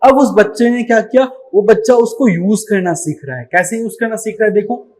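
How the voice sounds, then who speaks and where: A young male teacher with a high-pitched voice gives a live online lecture for exam candidates. He works through the material step by step, poses questions to the class, and supplies the answers himself. He talks to his students with a fond, familiar "beta". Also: brisk, darkish tone, slight background noise, low-quality recording. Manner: calls students 'beta' affectionately.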